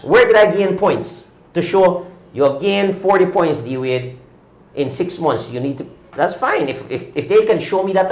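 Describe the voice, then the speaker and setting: In an echoey room, a cycling podcast host in his fifties, whose voice sits high, goes on an opinionated talk-show rant, indignant and driving his points with repeated rhetorical questions.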